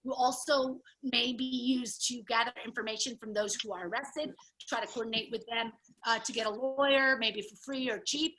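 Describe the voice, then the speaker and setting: A woman's voice: fairly high pitch, fairly even intonation, normal speed, sharp tone, a little hiss or hum. A woman hosting a comedy show over a video call, loose and chatty, cursing casually. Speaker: show host.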